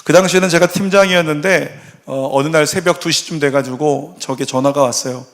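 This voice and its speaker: A man's voice: a little high, fairly quick, fairly bright tone. A middle-aged man preaching an earnest sermon in church, retelling stories and quoting scripture. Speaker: pastor. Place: church sanctuary.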